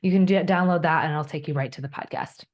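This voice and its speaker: Low-voiced woman, plain and direct. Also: fast, a little mellow. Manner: direct, practical, matter-of-fact. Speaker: podcast guest, accountant. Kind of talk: casual interview chat.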